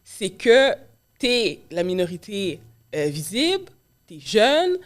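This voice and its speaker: A woman, hosting an interview in a relaxed, conversational way. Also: medium pitch, slow. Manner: responsive, many short backchannels. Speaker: podcast host, real estate broker. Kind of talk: casual interview chat.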